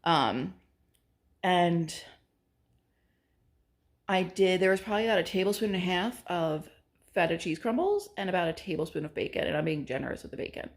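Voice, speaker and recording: A woman's voice: lowish voice, moderate pace, pauses often. A woman vlogging about her food in a casual, chatty way, often breaking into informal asides and interrupting herself. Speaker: vlogger sharing meals and recipes. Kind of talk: casual cook-with-me vlog chat.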